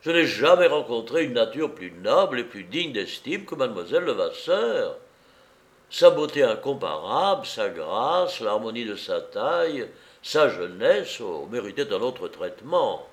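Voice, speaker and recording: A man voicing a calm, courteous gentleman thief who answers with polite mock courtesy. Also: mid-range voice, a little slow.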